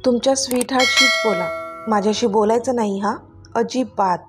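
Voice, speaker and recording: A woman's voice: fairly high pitch, moderate pace, music in the background, close to an everyday voice. Woman voicing a sulky jealous young wife. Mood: sulking. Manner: sulky and reproachful.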